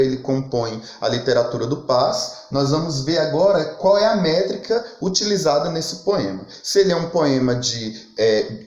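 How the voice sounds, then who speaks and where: Guy teaching a poetry lesson, real slow and careful, counts out syllables one by one, echoey room. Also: fairly high pitch. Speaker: literature teacher. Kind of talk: recorded lesson explaining poetic meter.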